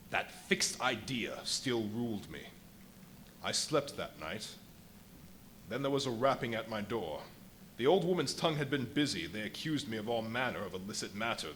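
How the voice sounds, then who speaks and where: A man playing a feverish, boastful scientist turned invisible in a live radio play, telling his story in dramatic, literary phrases with emphatic pauses. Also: on the low side, sharp tone. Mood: tense, indignant. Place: live performance at a brewery venue. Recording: live stage performance with audible background noise.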